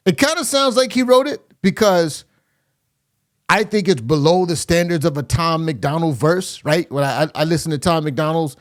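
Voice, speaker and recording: A man's voice: on the high side, normal speed. A man hosting a casual reaction video, critiquing a rap verse with lots of fillers and scatted rhythms. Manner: many fillers and restarts, scats rhythms aloud. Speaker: host reviewing rap verses.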